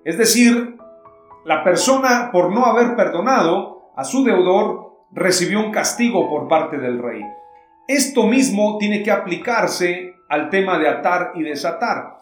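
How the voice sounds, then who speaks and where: A man preaches with a high, carrying voice, reading scripture and then stressing its meaning. The room rings with echo. A faint guitar plays underneath. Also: expressive, measured pace. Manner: reads Bible verses aloud then explains them emphatically.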